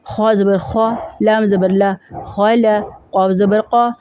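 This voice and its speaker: Woman w pakistani urdu accent doing a reading drill, slow syllable by syllable, kinda dull dry recording. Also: medium pitch, level tone, clear, resonant tone, dry recording. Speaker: Quran reading teacher. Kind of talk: spelling out and recitation drill lesson.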